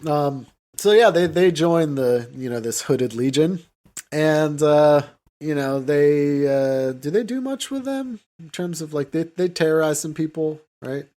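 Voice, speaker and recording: This podcast host chats casually about films, hesitating and rambling with plenty of "you know." His voice runs a bit high and mellow, and he speaks a little slowly.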